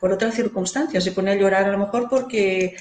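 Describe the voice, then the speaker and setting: An earnest woman explains at length, tagging her phrases with a questioning "right?". Her voice sits at a middle pitch and carries a roomy echo, with faint noise underneath. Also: fairly even intonation, a little fast, a little mellow. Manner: earnest, often tags phrases with "¿no?". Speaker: author and guest on grief in children. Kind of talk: explanatory interview answers.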